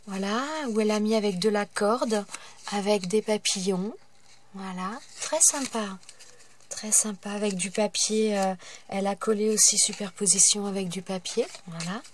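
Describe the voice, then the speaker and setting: A craft channel host with a cold-stuffed nose chats casually while opening her mail, breaking into delighted exclamations. Her mid-range voice keeps a fairly even intonation at a moderate pace, with slight hiss or hum on the recording.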